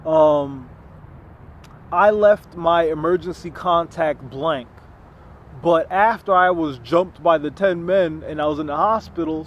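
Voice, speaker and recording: Man, higher voice, earnest rambling personal account with many restarts; faint street noise behind. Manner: earnest, rambling, frequent restarts and repeated words. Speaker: vlogger telling his own story. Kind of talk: unscripted personal monologue.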